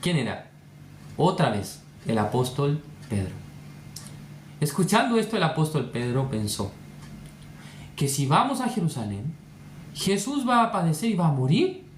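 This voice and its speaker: Male preacher, sermon, high lively voice, rhetorical questions, roomy echo. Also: a little slow, long pauses. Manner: animated, asks the audience rhetorical questions. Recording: roomy echo, faint hiss.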